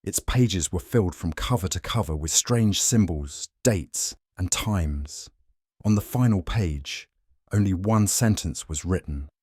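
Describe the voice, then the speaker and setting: Slow, deep male suspense narrator. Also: lively intonation, a little mellow, breathy edge, no room sound, clean studio sound.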